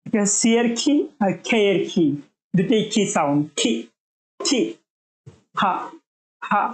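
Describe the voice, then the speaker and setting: A woman teaching English pronunciation, saying each sound slowly several times so learners can copy it. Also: mid-range voice, lively intonation, reverberant, low-quality recording. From Bangladesh. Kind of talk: spoken lesson, demonstrating sounds.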